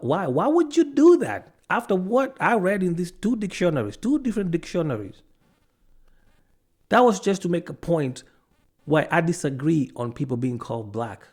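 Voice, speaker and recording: A man from Africa giving a ranting monologue to camera, arguing hard and firing off one rhetorical question after another. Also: a little high. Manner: argumentative, fires off rhetorical questions; stops to check notes mid-rant, with restarts. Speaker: video commentator.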